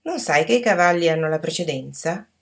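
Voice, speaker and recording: A woman voicing a prickly, rebellious teenage girl who loves horses and hisses her words in sharp defiance. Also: deep voice, expressive, a little fast. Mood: angry.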